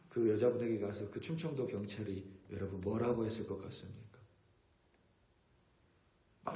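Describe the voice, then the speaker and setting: Korean pastor preaching in an echoey church. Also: male voice, on the low side, mellow. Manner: earnest preaching, rising in force when quoting scripture. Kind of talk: sermon. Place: church sanctuary.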